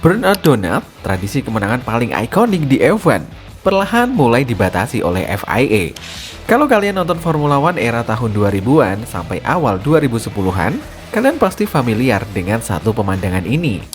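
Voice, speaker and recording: A man giving scripted, energetic narration in a casual, slangy way, building drama as he explains. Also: mid-range voice, a little fast, faint music behind.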